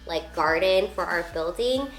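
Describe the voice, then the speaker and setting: A woman's voice: on the low side, expressive, a little slow. A woman who grew up in Taiwan, chatting casually through a home product review with lots of filler words. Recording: echoey room with faint music.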